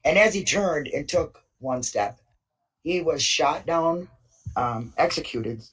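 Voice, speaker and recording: A woman's voice: sits low, animated, takes it slowly, husky, distant mic, low-quality recording. A woman in a casual open mic discussion, telling a story in an indignant way with many fillers. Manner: indignant, retells events with lots of fillers.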